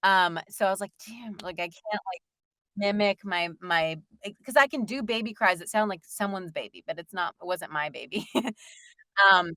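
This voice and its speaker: A talkative woman in her thirties chats in an interview, full of fillers and quick laughs. Her voice sits low for a woman. The sound is close and dry. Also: bright, forceful tone, no echo. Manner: chatty, rambling, lots of fillers and laughs. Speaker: voice actor guest. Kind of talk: casual interview chat.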